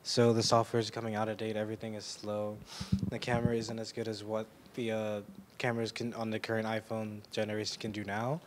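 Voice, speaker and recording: A male student in a classroom, explaining in a relaxed way how his interview went. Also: on the low side, brisk, slight background noise. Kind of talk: reporting back in class.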